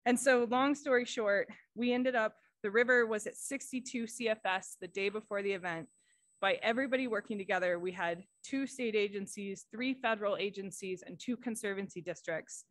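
An American woman tells a story during a board meeting report, candid and chatty as she quotes colleagues. Her pitch sits in an ordinary middle range, and the sound is dry and close. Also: normal speed, no echo. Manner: candid, storytelling, quotes people in lively retellings. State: voice cracking with tears. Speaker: board member giving a report. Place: meeting room.

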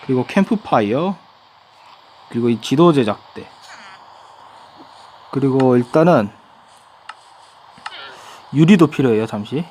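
Lively young man narrating a mobile game. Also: medium pitch, takes it slowly, pauses often, a little hiss or hum. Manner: lively, talks to himself while playing. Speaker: gaming YouTuber. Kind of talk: casual gameplay commentary.

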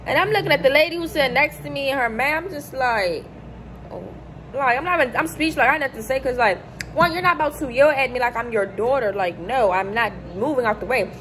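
Animated young woman with a higher voice, telling a storytime. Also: fast, a little hiss or hum, poor audio. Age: 20s. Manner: animated, acts out quoted people in a higher voice. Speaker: vlogger. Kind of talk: casual storytime chat. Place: hotel room, indoors. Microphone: phone camera held close below the face.

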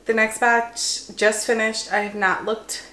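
A woman's voice: a little high, little pitch movement, a little slow, sharp tone. A young woman chatting casually through a bake-along vlog in her home kitchen, thinking aloud and poking fun at herself. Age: young adult. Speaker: lifestyle vlogger. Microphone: camera at close range.

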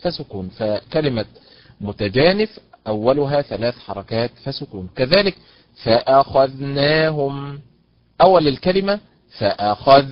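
A man gives an online lesson on recitation, slowing right down to stretch out each example word. His voice sits at an ordinary middle pitch. The audio is dry and somewhat dull, like a lo-fi webinar stream. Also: no echo. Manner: explains patiently, drawing out example words slowly; praises students by name as they answer. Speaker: Quran recitation teacher. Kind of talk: online lecture on Quranic stress rules.

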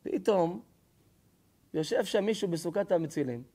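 A man, a rabbi, teaching a Torah lesson as a lively storytelling sermon. He asks the audience questions and answers them himself, and he swings between loud exclaiming and hushed, low asides.

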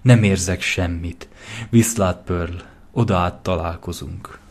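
A man voicing an emotional young female green unicorn torn between love and friendship, in an audio fanfiction reading. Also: low voice. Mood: cold. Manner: emotional, anguished.

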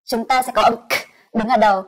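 A woman with a Vietnamese accent teaching a pronunciation lesson, sounding out each sound slowly and repeating it. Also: a little high, steady tone, a little hiss or hum. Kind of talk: explanatory lesson.

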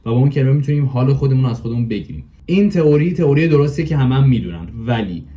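A man in his twenties with a warm, medium-pitched voice and lively intonation chats casually as a podcast guest from a living room. He explains things in colloquial speech, repeating words for emphasis, over dull, muffled video-call audio.

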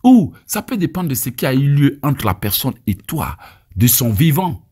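Filmed outdoors on a phone held at arm's length, an Ivorian man in his thirties, an Abé native speaker with an Ivorian French accent, gives deliverance prayer teaching. His medium-pitched voice is mellow, slightly rough, and sing-song at a moderate pace, and he preaches emphatically, often stammering and restarting.

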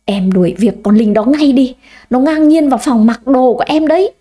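A woman's voice: high voice, moderate pace, dark tone. A woman voicing a hot-tempered husband who snaps and scolds. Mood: angry. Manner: curt, scolding.

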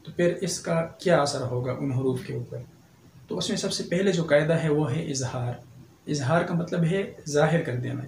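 Male tajweed teacher, patient and methodical; slightly high voice, echoey room. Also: darkish tone. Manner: patient, explains slowly, often checks with "thik hai". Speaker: Quran teacher. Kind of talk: tajweed lesson. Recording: echoey room, faint ambient noise.

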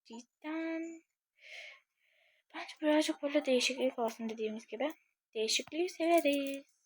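A woman's voice: high-pitched, moderate pace, no echo. A young woman casually commenting on a game she is playing, chatting to her viewers and thinking aloud as she goes. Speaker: gaming channel creator.

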